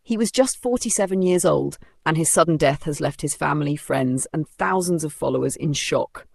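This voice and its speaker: A voice-over narrator reads scripted news in an even, formal and sombre way. The voice sits mid-pitch with a gravelly fry, and the recording is close and dry with no room sound. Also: moderate pace, dry recording.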